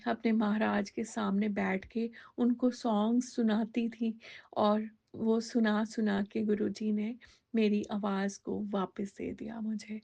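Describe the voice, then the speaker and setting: A woman's voice: fairly high pitch, creaky, dark tone, dull audio. A woman telling a personal devotional testimony in a conversational way, slipping English words into her talk with many fillers.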